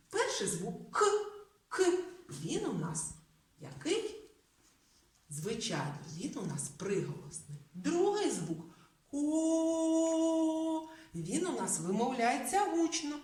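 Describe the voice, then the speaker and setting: Співуча вихователька, звучить здалеку. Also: female voice, medium pitch. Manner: sing-song, drawing out sounds for children. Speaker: preschool teacher. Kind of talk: lesson for young children. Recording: roomy, from a distance.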